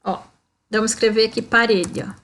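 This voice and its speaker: A Brazilian woman with a Brazilian Portuguese accent teaches a primary school lesson, explaining slowly and step by step. Her voice is a little high and a bit bright, with fairly even intonation, and she often says "ó" and checks in with "tá?".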